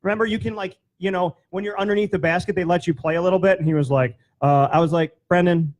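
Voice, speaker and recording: A man's voice: sits high, fast. Chatty man hosting a sports show. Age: 30s. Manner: chatty, animated storytelling. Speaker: host. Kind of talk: casual sports talk show. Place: indoor studio set with banner backdrop. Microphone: handheld mic.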